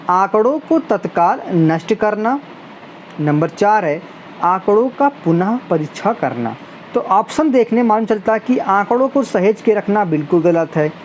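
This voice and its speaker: An exam prep teacher with a medium-pitched, darkish woman's voice reads multiple-choice quiz questions and their options aloud, then explains which answer is right. A faint hiss sits behind her.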